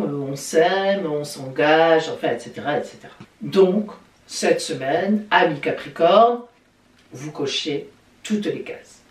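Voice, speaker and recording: Lively, chatty woman astrologer. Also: deep voice. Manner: lively and chatty, with playful exclamations. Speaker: astrologer and psychic. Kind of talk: weekly horoscope video talk. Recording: echoey room, voice a bit distant from the mic.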